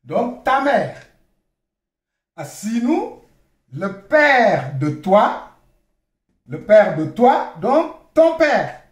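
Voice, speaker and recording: Slow, lively-voiced man teaching a lesson. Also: high-pitched, reverberant. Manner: repeats words slowly, spells them out. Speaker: language teacher. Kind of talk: slow spoken language lesson.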